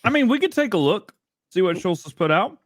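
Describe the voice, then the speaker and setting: A man's voice: sits high, sing-song, fairly quick, no room sound, clean studio sound. A man hosting a livestream, chatting casually and laughing often, with playful sound effects. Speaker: livestream show host.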